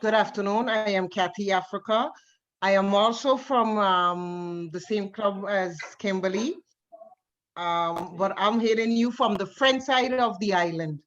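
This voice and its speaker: A woman at mid pitch introduces herself in a friendly, light way. She is heard over a video call that sounds distant and dull. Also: unhurried, a bit bright. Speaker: visiting club member. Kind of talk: brief introduction.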